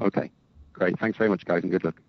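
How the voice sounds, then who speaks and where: A man's voice: sits low, fairly even intonation, quick pace, vocal fry, no room sound. A man asking questions as a journalist on a press conference call, polite and tentative. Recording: dull, dry phone line.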